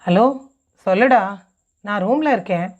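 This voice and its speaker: A woman's voice: medium pitch, animated, unhurried, a little mellow, lightly acted. A woman voicing a withdrawn, confused young groom who answers briefly, on a dull lo-fi recording. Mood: subdued. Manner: short, subdued replies.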